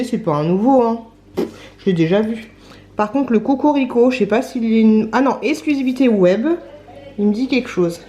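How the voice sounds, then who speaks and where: A woman's voice: a little high, warm tone. A young woman, chatty and playful, vlogging casually at home with lots of fillers and asides to her viewers. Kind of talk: casual vlog chat. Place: at home, indoors and outdoors.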